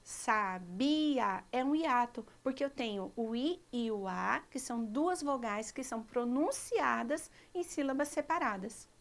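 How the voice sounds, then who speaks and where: A woman teacher with a Brazilian Portuguese accent, speaking in a high voice at an unhurried pace. She gives a televised school lesson and sounds out each example word with slow, deliberate care. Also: animated. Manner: slow, clear, pronounces example words deliberately.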